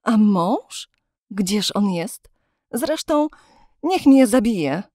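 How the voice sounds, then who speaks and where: A woman voicing a gentle young woman who turns defiant and bitter about love, speaking passionately. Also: medium pitch, sing-song, extremely slow, no echo, clean studio sound, voice pushed up, heavily acted. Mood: impassioned.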